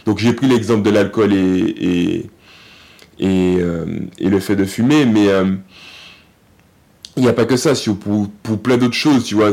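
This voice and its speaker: A man guesting on a casual podcast as an athlete speaks haltingly, restarting often and using lots of fillers. His pitch is fairly low, with vocal fry and a darkish tone.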